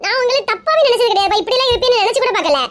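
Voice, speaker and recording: A woman's voice: extremely high pitch, racing, a bit bright. A woman playing a nagging grown daughter who lectures her father in a comedy skit. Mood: lecturing.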